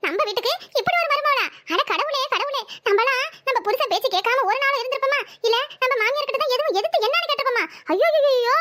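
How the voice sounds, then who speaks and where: A woman doing a shrill wailing aunt. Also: bright, forceful tone. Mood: indignant. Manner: dramatic lamenting, fast high chatter. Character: complaining middle-aged village woman, wailing and aggrieved. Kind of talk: cartoon voice acting.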